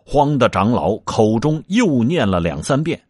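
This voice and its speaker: Slow, husky male storyteller. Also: medium pitch, no echo, clean studio sound. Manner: expressive, acted reading. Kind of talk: reading a classic novel aloud.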